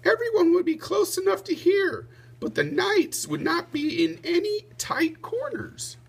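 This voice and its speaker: A clever, practical medieval noblewoman, acted out by a man in a storybook. The voice sits very high in falsetto, and she offers her ideas helpfully. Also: sing-song, a little slow, creaky, full character voice. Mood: thoughtful, suggesting. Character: Lady Di, a clever, practical woman of a medieval court. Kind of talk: children's storybook read-aloud.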